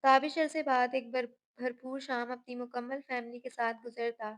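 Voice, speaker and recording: A woman reads a romance novel aloud in a steady storytelling voice. Her pitch sits somewhat high. She moves between narration and the characters' lines. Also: normal speed. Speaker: audiobook narrator.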